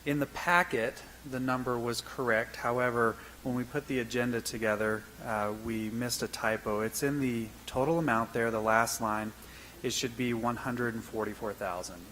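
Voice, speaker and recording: A man's voice: medium pitch, steady tone, normal speed, fairly bright tone, rough recording. A man, a city official, presenting agenda items at a council meeting in a businesslike, explanatory way. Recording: faint background noise.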